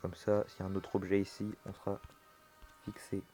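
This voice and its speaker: A man's voice: low voice, monotone, brisk, dark tone, faint music behind. A man giving casual horror game commentary, reacting aloud like a jumpy, scared streamer and talking to the game as he plays. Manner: talks to the game's objects and characters.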